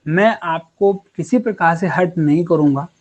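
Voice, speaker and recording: A man's voice: fairly high pitch, moderate pace. A man teaching chemistry in a casual online class, chatty and encouraging with his students. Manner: chatty and encouraging, calls students beta and yaar.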